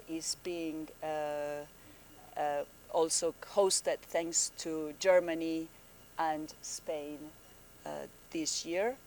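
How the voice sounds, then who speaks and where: A woman program manager giving a friendly conference presentation, halting often with fillers and restarts, speaking in a conference room. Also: sits low, a little mellow, slight background noise.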